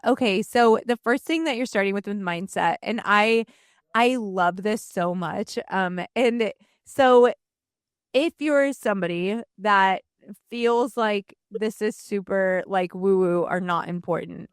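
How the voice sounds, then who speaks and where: Smooth-voiced woman podcast host. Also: medium pitch, no echo, clean studio sound. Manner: warm, chatty, many fillers. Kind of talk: casual interview chat.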